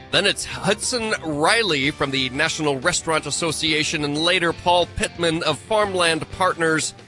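A man's voice: on the high side, pushed and bright. Stuffy-nosed radio host man, chatty. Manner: chatty, self-mocking. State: nasal from a cold. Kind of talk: live farm radio show.

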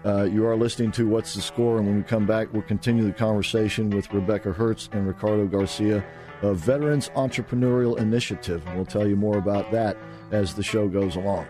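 Low, mellow man hosting a radio talk show. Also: steady tone, soft background music. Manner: halting, restarts often. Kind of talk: casual radio interview.

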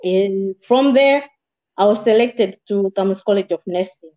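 A woman from Malawi, a guest in an interview, telling her life story in a measured, plain way with small restarts. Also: medium pitch. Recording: slightly dull, muffled audio.

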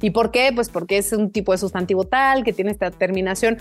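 A Mexican woman in casual chat, an animated storyteller who acts out the voices in the dialogue she quotes. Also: medium pitch, fairly quick, faint music behind. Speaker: linguistic advisor and football host.

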